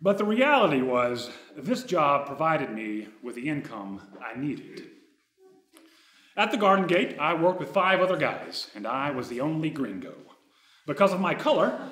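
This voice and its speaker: A man in his thirties reading a true personal story aloud on a dark theater stage, wry and ironic. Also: a little high, big pitch swings, measured pace, reverberant.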